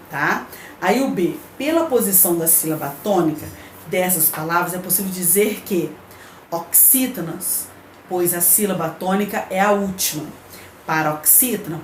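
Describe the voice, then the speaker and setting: A woman teacher with a Brazilian Portuguese accent, giving a recorded remote lesson. She reads the textbook aloud, explains it patiently and checks in with her pupils. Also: lowish voice. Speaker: primary school teacher. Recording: echoey room with faint background noise.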